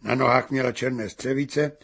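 A man reading literary fiction aloud as narrator, measured and deliberate. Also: medium pitch, fairly even intonation, gravelly, fairly bright tone, slightly rough. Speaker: reader.

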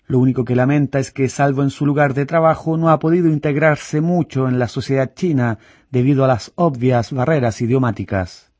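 A man narrating a news report in a measured, scripted voice-over. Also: mid-range voice, a little mellow, no room sound.

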